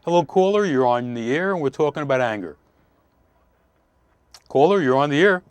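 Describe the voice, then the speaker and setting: A man's voice: on the high side, expressive, normal speed, clean tone, no room sound, muffled recording. Earnest man explaining on a call-in show. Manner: earnest, explanatory, repeats key points. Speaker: relationship counselor hosting a call-in show. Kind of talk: live call-in talk show.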